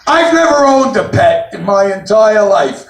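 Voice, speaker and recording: A man doing a stand-up comedy set on a brewery stage, talking in a brash, blunt New York manner with loud punchlines. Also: sits high, very animated, measured pace, slight background noise. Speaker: stand-up comic. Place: brewery stage, live room. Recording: roomy live venue, mic at a distance.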